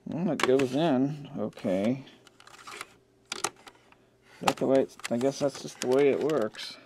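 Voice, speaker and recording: The host of an electronics repair channel offers offhand, casual commentary while working with his hands, half muttering to himself. He has a medium-pitched voice and takes it slowly. A camcorder mic near his indoor workbench catches steady background noise and the clicks of handling.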